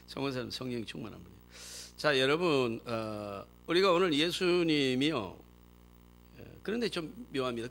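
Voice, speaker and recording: A man preaching a sermon in church as pastor, animated and emphatic, acting out quoted speech. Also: a little high. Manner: acts out quoted speech in dramatic voices.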